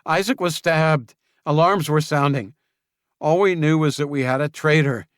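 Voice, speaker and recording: A man performs a cornered young traitor in a close, dry storybook reading, raising his voice well above his own deep register and speaking louder and fast. The character is defensive and pleading, begging and snapping in one breath. The tone stays clear and resonant, near an everyday speaking voice.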